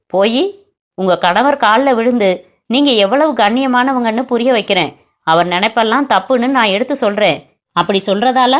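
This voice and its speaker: A woman's voice: fairly high pitch, natural voice. A woman voicing an earnest, remorseful young man who speaks humbly, apologetically and politely in a storybook reading. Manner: apologetic, pleading, respectful.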